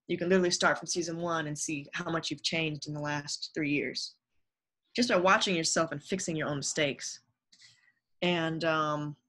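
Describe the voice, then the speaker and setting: A woman's voice: deep voice, sharp tone. A young adult woman, a guest on a podcast, talking casually and earnestly about her career and giving upbeat advice. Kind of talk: casual interview chat.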